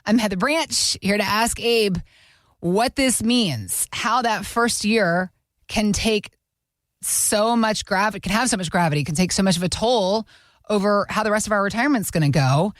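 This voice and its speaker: A woman co-hosts a retirement podcast in an upbeat, conversational tone, reading aloud and prompting her guest with brief affirmations. Her voice sits at an ordinary pitch and is captured dry and close. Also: normal speed, dry recording. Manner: upbeat, chatty, frequent affirming interjections. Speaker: podcast co-host, interviewer.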